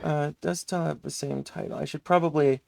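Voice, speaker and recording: A man's voice: a little high, steady tone, brisk, gravelly, noisy background. A man chatting casually and rambling while streaming a video game. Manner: rambling, laid-back. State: rough voice warming up. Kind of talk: casual chat over gameplay.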